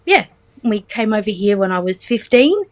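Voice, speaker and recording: An Australian woman in her forties, chatting as a guest in a casual interview, filling pauses with ums and teasing lightly. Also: medium pitch, very animated. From Australia, Central West New South Wales. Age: 40s.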